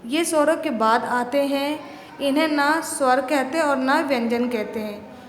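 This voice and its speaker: A woman teaches a grammar lesson in a high voice, asking the class questions and then answering them herself. The room is echoey with a long ringing tail. A faint hiss sits under her voice. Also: a little slow. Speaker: school teacher.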